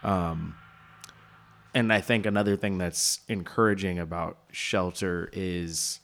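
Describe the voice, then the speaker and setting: Male podcast host, very low voice, hesitant and loose in his phrasing. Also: steady tone, takes it slowly, fairly bright tone. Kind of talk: casual interview chat.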